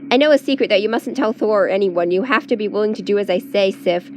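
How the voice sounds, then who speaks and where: A woman's voice: medium pitch, fast talker, a little mellow, a little hiss or hum, natural voice. A woman reading a story aloud, voicing a scheming young male trickster prince who explains himself earnestly in slightly formal speech. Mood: explaining.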